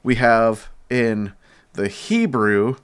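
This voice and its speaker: A man teaching a bible lesson at a whiteboard, explaining slowly and pausing while he writes. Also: mid-range voice, sing-song, smooth. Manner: slow, explanatory, pauses while writing. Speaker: church teacher.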